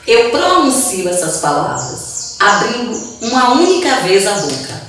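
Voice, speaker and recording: A woman teaching with a Brazilian Portuguese accent, explaining slowly and patiently, drawing out syllables and repeating words. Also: a little high, big pitch swings, fairly bright tone, a little hiss or hum. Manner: drawn-out syllables, patient repetition. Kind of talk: slow, deliberate classroom explanation. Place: classroom. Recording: echoey room, mic far off.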